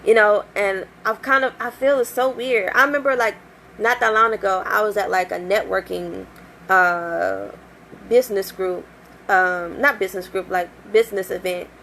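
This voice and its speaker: A woman's voice: mid-range voice, moderate pace, gravelly, rough recording. Young woman talking straight to camera, chatty, lots of "you know" and "like", little hiss under it. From United States. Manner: chatty, animated, many fillers and quoted asides. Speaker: shop owner. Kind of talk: casual storytelling vlog.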